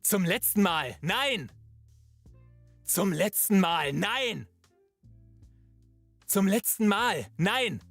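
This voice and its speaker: A man's voice: high voice, animated, fast talker, vocal fry, hardly any pauses, dry recording, soft background music, voice pushed up, heavily acted. A man voicing an irritated male Prussian soldier for a war game, with a German accent and curt, annoyed refusals. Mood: shouting. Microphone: booth microphone.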